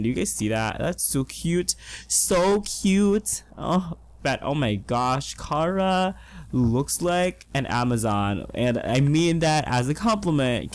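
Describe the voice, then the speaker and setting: A hoarse young man chatting excitedly through casual gameplay commentary as a let's play host. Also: mid-range voice. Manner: chatty and excitable, gushing with slang. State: hoarse, losing his voice.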